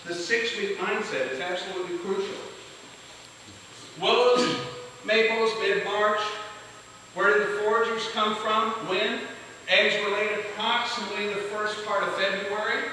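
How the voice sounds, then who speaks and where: A man teaching a beekeeping class to a live audience in a lively lecture manner, often putting questions to the room. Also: high-pitched, measured pace. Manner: energetic, asks the audience questions. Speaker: beekeeping instructor. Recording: echoey hall from far off, hiss.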